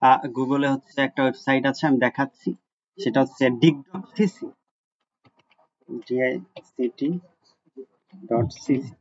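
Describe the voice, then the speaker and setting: A man's voice: medium pitch, a little fast. Guy doing a german alphabet lesson, lots of "ah"s, repeats every sound, kinda muffled lo-fi audio. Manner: patient, repeats each sound several times; frequent "ah" fillers. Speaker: German language teacher. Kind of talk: screen-recorded language lesson. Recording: dull lo-fi recording.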